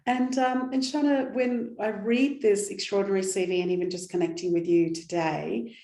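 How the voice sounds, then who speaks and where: A woman's voice: mid-range voice, steady tone, moderate pace, dark tone. A woman hosting a podcast interview, eager and chatty, with some "um"s as she reads a guest's introduction. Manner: enthusiastic, reads guest bio with fillers. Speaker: podcast host. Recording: roomy echo with faint music.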